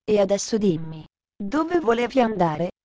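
A woman voicing a kindly male doctor who speaks gently and calmly, in a storybook reading. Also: medium pitch, no echo, dull audio. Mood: gentle. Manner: gentle, soothing, unhurried.

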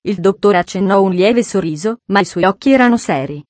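A woman narrating an audiobook in a measured, expressive storytelling voice. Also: mid-range voice, dry recording.

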